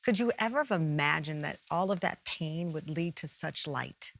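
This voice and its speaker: A woman's voice: low-pitched, animated, moderate pace, creaky. Chatty woman hosting a talk show. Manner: warm, chatty questions with restarts and jokes.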